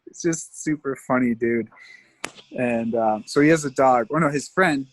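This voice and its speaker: A man's voice: medium pitch, normal speed, no room sound. A man from Canada, a tour guide, telling rambling stories in a casual interview, laughing often and leaning on fillers.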